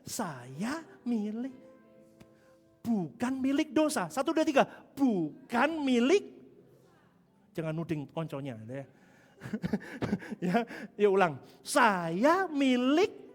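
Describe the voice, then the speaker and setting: A male pastor preaching a sermon. He swings from hushed asides to shouting and calls the congregation to answer back. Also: very high voice, very animated, takes it slowly. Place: large church hall. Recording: long hall reverb with music behind.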